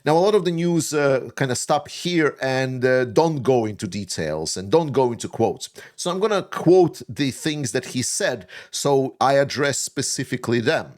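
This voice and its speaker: A man from Latvia who speaks English as a second language, hosting an opinionated news commentary. He talks bluntly and with a sarcastic edge, often pausing on "uh". His voice sits at a mid-range pitch for a man. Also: lively intonation. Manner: frank, sarcastic, frequent "uh" pauses. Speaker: commentary channel host.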